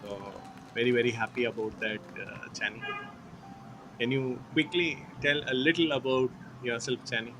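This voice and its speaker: A man hosting a live online session, talking in a halting way with many fillers. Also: medium pitch, fairly even intonation, background noise.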